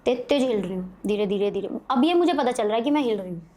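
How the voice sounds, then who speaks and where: A woman with a fairly high voice tells a podcast host a ghost story in short, vivid bursts. She talks casually and builds suspense line by line. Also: expressive, fast talker, a crowd in the background. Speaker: podcast guest.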